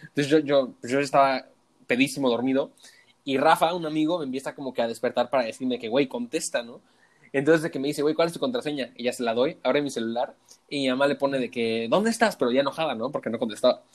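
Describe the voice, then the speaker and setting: A young man with a Mexican Spanish accent tells party stories on a podcast. His pitch sits in the middle range for a man, and he keeps breaking into laughter between phrases. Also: steady tone, fast talker. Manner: laughs often while telling stories. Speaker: podcast host. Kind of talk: casual chat.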